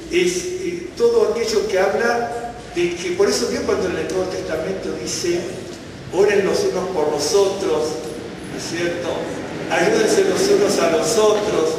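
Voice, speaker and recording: Male Bible teacher, high voice, chatty and questioning, recorded far off in a reverberant hall with faint noise. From Argentina. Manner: conversational, checks in with listeners often. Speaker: teacher at a congregation.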